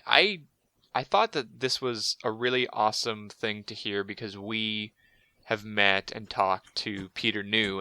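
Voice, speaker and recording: Bright-voiced man co-hosting a chatty podcast. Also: on the low side, clean tone, dry recording. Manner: rambling, with many fillers and restarts. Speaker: podcast co-host. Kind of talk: casual podcast chat.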